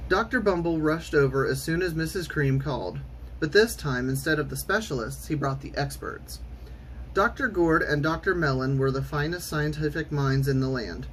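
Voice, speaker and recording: A man reading a children's storybook aloud in an expressive, theatrical way with clear enunciation. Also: fairly high pitch, moderate pace, a little hiss or hum, rough recording. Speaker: storytime reader.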